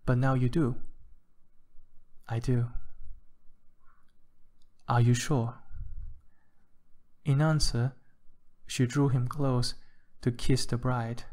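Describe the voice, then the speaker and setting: Male narrator for a literary short story, slow and measured, mid-pitched. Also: darkish tone. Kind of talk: reading a short story aloud.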